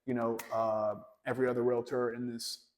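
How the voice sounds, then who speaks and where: A man's voice: medium pitch, level tone, brisk, a little hiss or hum. Friendly rambling man, echoey hall. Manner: friendly, rambling with many fillers. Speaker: realtor and event sponsor. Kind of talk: casual interview chat. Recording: long hall reverb.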